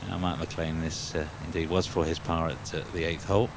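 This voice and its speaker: A man's voice: rumbling low, flat delivery, a little fast, noisy background. A man working as a golf commentator, calling a tournament live.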